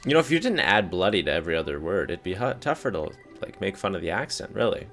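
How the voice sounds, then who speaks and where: Low gravelly man chatting over game music. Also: sing-song, quick pace, a bit bright. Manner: playful teasing, unsure of himself. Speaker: gaming co-host. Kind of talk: casual gaming chat.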